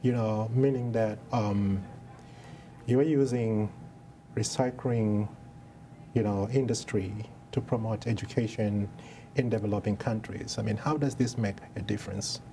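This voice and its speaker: A man's voice: on the low side, steady tone, measured pace, warm tone, a little hiss or hum. A man hosting a TV interview, asking loose, rambling questions. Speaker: TV show host.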